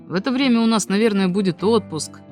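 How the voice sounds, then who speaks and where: A woman reading a novel aloud as an audiobook, telling a first-person story in a calm, even way. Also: medium pitch, quick pace, faint music behind. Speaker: audiobook reader. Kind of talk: scripted narration of a novel.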